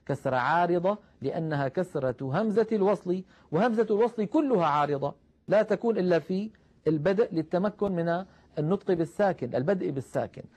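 A man teaching the rules of Quran recitation, explaining patiently, calling his listeners brothers and slowing down to recite example verses. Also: fairly high pitch, darkish tone. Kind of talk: tajweed lesson.

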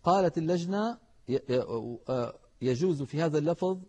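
A middle-aged man explains recitation rules as a scholar on a religious broadcast. His voice sits a little high, and he talks in a measured, patient way, turning to his viewers as he goes. He sounds like someone teaching a lesson. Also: lively intonation, a little mellow, husky. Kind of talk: televised religious lesson with chanted verses.

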